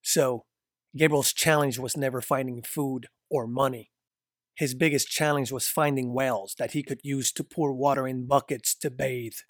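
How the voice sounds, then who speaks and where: A man's voice: medium pitch, moderate pace, no room sound. Man narrating a story, dry. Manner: steady, descriptive storytelling.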